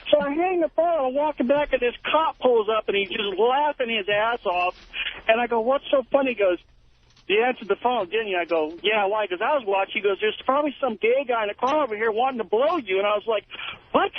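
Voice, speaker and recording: A man's voice: extremely high pitch, a little fast. A man, a truck driver, calls into a radio show and tells an anecdote, acting out the other people in it. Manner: animated storyteller acting out voices. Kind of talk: phone-in anecdote. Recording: muffled phone call with faint hiss.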